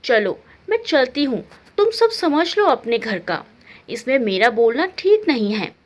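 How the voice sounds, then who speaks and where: A woman's voice: sits high, very animated, a little slow, lo-fi sound, full character voice. A woman voicing a scheming, meddling older aunt who is nosy and stirs trouble with feigned concern. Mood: stirring.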